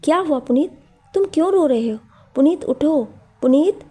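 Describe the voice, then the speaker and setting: A woman's voice: high-pitched, expressive, normal speed, mellow, voice pushed up. A woman voicing a worried father who reassures his upset son, in an urgent, reassuring manner.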